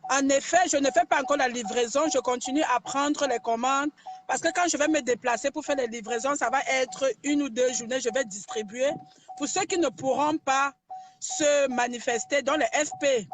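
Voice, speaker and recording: A woman calling in to a live stream and making brisk, businesslike announcements about orders. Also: sits high, music in the background. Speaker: caller taking product orders.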